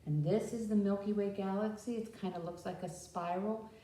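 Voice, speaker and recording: Picked up by a distant microphone in a very echoey room, a woman presents a children's read-aloud, explaining things simply and often quizzing the kids. Her voice is mid-range and mellow, with fairly even intonation at normal speed.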